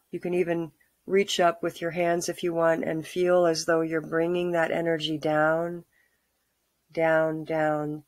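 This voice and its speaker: A middle-aged woman leading a calm guided grounding exercise, giving soothing, unhurried instructions with pauses. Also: on the low side, no echo. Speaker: meditation guide. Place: small room at home, indoors.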